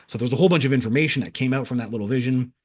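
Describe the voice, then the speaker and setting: His mid-range voice coming out rapid-fire, a man rambles through the story of a past-life vision, restarting often, using fillers, and sometimes mimicking crowd voices.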